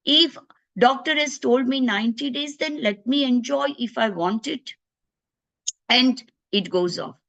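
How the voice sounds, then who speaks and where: Woman doctor talking slowly thru health advice, kinda high voice, acts out what patients might be thinking. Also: creaky, a bit bright, lo-fi sound. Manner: unhurried and explanatory, voicing patients' inner thoughts. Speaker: physician giving health advice. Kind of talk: informal health talk.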